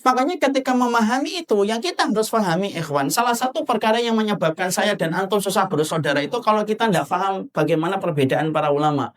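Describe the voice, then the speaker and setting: Animated Indonesian man preaching. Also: sits high, quick pace, few pauses. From Java. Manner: animated, rhetorical questions to the audience, acts out husband and wife. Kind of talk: sermon.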